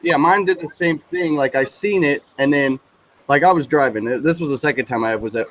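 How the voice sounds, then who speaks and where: Excitable man telling a story. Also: fairly high pitch, brisk, slight background noise, low-quality recording. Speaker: guest on a livestream. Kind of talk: casual chat, storytelling.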